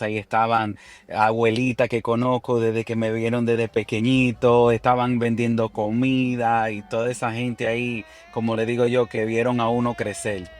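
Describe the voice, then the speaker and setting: A man from New York, a musician guest, answering interview questions in a relaxed way with many fillers and some English words mixed in. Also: mid-range voice.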